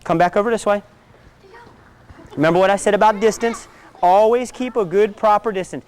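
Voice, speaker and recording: A man's voice: sits high, a little fast, darkish tone. A man teaching a self-defense class, giving direct instructions and often checking in with "okay?".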